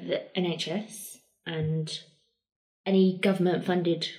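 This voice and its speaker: A woman's voice: lowish voice, flat delivery, slow pace, a little mellow, poor audio. A young British woman co-hosting a podcast in a casual, conversational way, reasoning things through as she explains them. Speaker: podcast co-host.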